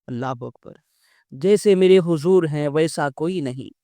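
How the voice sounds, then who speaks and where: A man's voice: a little high, mellow, no room sound. A man giving a devotional storytelling speech, acting out the dialogue and reciting poetic couplets. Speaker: religious speaker.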